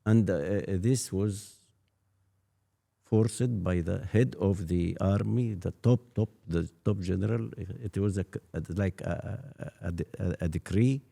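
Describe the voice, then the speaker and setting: A man in his eighties with an Egyptian accent, a native Arabic speaker, telling his life story as a priest in an interview, halting and repeating words. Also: sits low, vocal fry, mellow. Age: 80s. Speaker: Coptic priest guest.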